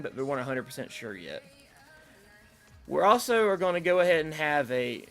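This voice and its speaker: This host of an online creative group's announcement video has a slightly high, fairly bright voice. He makes unscripted, casual announcements in a rambling, hesitant way, often rewording things, while electronic dance remix music plays behind him.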